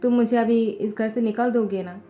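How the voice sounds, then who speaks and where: A gentle, easily hurt young man speaks in meek, pleading tones, voiced by a woman narrator. The voice is on the high side and soft-toned. Faint music plays beneath it. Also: steady tone, moderate pace, lightly acted. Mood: sad.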